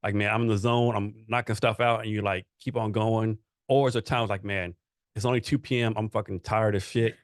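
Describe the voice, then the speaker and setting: A male podcast host asks long, wandering questions and keeps checking in with "right?". His voice sits a little low for a man and is recorded close and dry. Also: fairly even intonation, fairly quick, dry recording. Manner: loose, rambling questions with frequent "right?" and "like". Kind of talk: casual interview chat.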